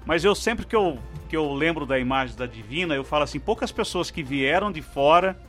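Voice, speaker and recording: This is a Brazilian man's fairly high, fairly bright voice as he hosts a live radio news interview in a studio. He speaks Brazilian Portuguese with a formal announcer's cadence, stringing together long, flowing sentences.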